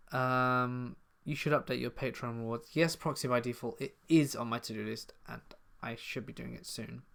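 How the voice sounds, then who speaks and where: His mid-range voice is creaky and a bit bright, with the accent of someone from the south of England. As a horror story channel host on a live stream Q&A, he casually chats through viewer comments, reading them out first and answering afterward.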